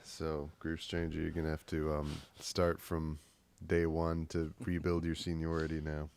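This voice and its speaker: A man's voice: very deep voice, monotone, moderate pace, a little mellow, a little hiss or hum. A young man co-hosting a casual live stream about composing, jokey and chatty, saying "like" a lot and laughing easily. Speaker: co-host of a music-making live stream. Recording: faint music behind the voice.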